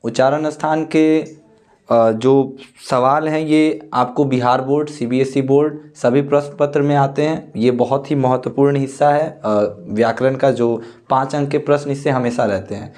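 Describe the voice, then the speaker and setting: Slow, patient Hindi-speaking male teacher. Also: mid-range voice, fairly even intonation, darkish tone. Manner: slow, explaining step by step, drawing out recited rules. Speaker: Sanskrit teacher. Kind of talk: board-exam grammar lecture.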